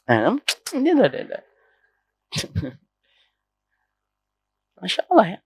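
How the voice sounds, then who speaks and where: Gravelly, high-voiced male preacher. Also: a bit bright, no echo. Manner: rhetorical questions to the audience. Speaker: Islamic preacher. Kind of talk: sermon to a women's audience.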